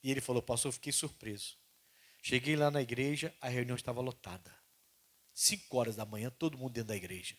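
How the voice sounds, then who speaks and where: A man preaching a sermon as pastor, with animated delivery that swings between loud emphasis and quiet asides. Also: mid-range voice, fast. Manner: animated preaching with acted-out dialogue.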